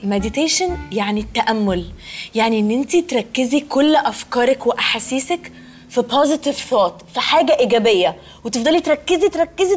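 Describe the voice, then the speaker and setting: A prim, snippy rich young woman speaks with an Egyptian accent. Her voice sits high and her words rush out very quickly. She comes from a comedy series. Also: slightly rough. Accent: Egyptian Arabic. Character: spoiled rich young woman who mixes in English.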